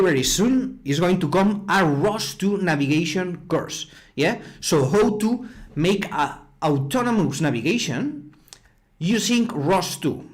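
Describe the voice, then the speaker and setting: A man from Spain with a Spanish accent, teaching a live online programming class in a chatty way, often repeating words and answering viewers' chat. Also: on the high side. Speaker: online robotics instructor. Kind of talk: live-streamed coding class.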